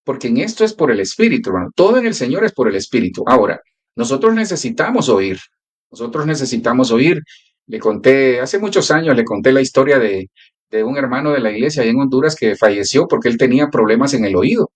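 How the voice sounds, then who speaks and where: A man's voice: mid-range voice, lively intonation, quick pace. A male pastor who prays and then teaches a church class, telling stories in a prayerful, earnest way.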